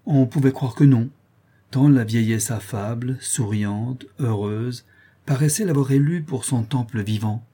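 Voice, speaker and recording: A man reading a classic novel aloud in a measured, even way. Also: medium pitch, breathy edge. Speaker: narrator.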